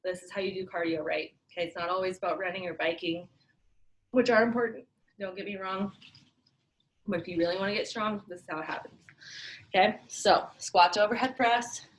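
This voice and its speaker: A woman's voice: medium pitch, brisk. A woman leading a workout as an aerobics instructor, calling counts, breathing and posture cues in short, encouraging commands. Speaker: fitness class instructor. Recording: roomy echo, far from mic, faint noise.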